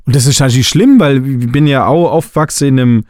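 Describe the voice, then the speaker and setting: Fast and mid-range with a darkish tone, this middle-aged Swabian's voice carries a blunt, emphatic spiritual coaching podcast monologue. The studio recording is clean and echo-free.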